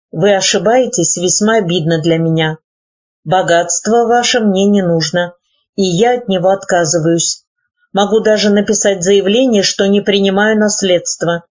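A woman's voice: medium pitch, a little mellow, husky, natural voice. A woman reading the lines of an earnest, proud young man, formal in speech, in a dull lo-fi recording. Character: earnest young male nephew, proud and idealistic.

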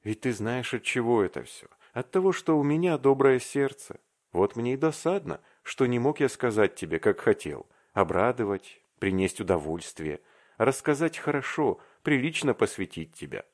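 Brief: a soft-hearted, faltering young man in love, as a male reader puts him on, confiding earnestly. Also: medium pitch, sing-song, moderate pace. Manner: earnest, faltering, warm confessional. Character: young man, timid, tender-hearted, lovestruck. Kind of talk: audiobook reading.

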